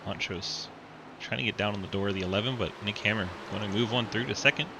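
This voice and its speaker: A man's voice: on the low side, fast, background noise. A man doing play-by-play commentary for an online sim race, calling positions and laughing often.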